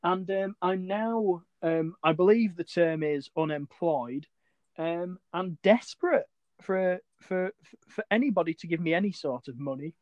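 A man's voice: high voice, measured pace, no echo, lo-fi sound. A man in his twenties with a Yorkshire accent, co-hosting a podcast in casual, joking chat, often laughing and teasing. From England. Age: 20s. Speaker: podcast co-host.

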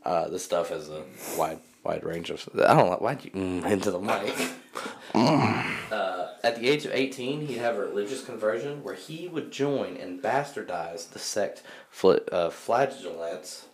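A man's voice: on the low side, lively intonation, measured pace, slight background noise. Casual young man hosting a podcast. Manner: reads notes with many fillers, laughs easily. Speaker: podcast co-host presenting the topic.

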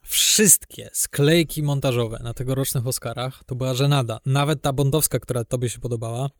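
A man's voice: medium pitch, fairly even intonation, normal speed, no room sound, clean studio sound. A man co-hosting a podcast, chatting casually about film with sarcastic, exasperated rants. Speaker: podcast co-host.

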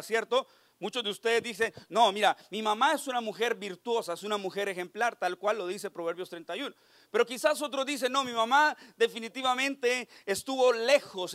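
High-voiced preacher telling stories. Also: male voice, no echo, studio quality. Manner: lively storyteller, slips into character voices. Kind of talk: sermon with jokes and stories.

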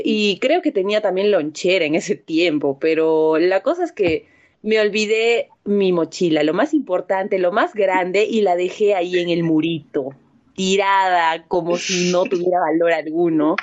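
A young woman tells a story among friends, mid-pitched and lively. She jumps high when she acts out the other voices. The recording sounds dull and lo-fi. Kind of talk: casual storytelling.

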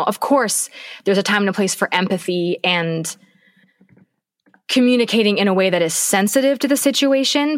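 A woman co-hosting a business podcast, giving advice in an emphatic, coaching way and repeating her key points. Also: lowish voice. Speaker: podcast co-host. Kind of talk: casual business podcast chat.

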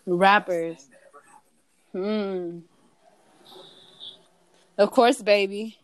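A young woman in casual, playful banter, speaking in relaxed slang. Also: medium pitch, drawn-out words, clean tone, no room sound, rough recording. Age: young adult. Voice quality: slangy delivery.

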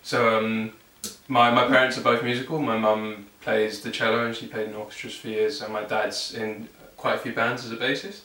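A man's voice: fairly low pitch, level tone, moderate pace, pushed and bright. A young man with a southern English accent, chatting informally and a little hesitantly as an interview guest. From England, South London and Surrey. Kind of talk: casual chat interview. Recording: echoey room, distant mic.

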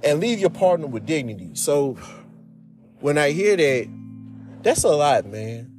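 A man's voice: fairly high pitch, very animated, measured pace, a little mellow, faint music behind. A man talking earnestly and casually to his viewers, giving marriage and relationship advice and often calling them "man" and "y'all". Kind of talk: casual heartfelt advice talk.

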